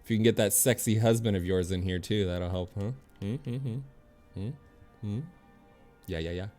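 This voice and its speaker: Warm and fairly low, a man's voice moves at a normal pace as he streams a video game, chatting easily with viewers and commenting on his play. Game music runs behind him.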